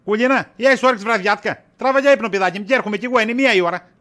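A weary shopkeeper husband, as a man acts him out, high-pitched and bright, brushing off accusations with sarcasm. He sounds worn out and exasperated throughout the comic scene. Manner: exasperated, dodging, wisecracking. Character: tired, evasive shopkeeper husband, middle-aged. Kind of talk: comedy sketch acting.

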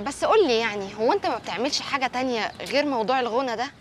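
A woman's voice: on the high side, expressive, racing, a little hiss or hum, natural voice. An actress playing a naive, chatty young neighborhood woman who asks curious questions, in Egyptian Arabic.

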